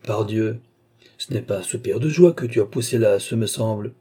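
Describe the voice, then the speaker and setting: A man's voice: fairly low pitch, normal speed, warm tone, husky. A man voicing an old, vain French duke who banters and dodges, his retorts rising in exasperation. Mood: exasperated. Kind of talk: audiobook character reading.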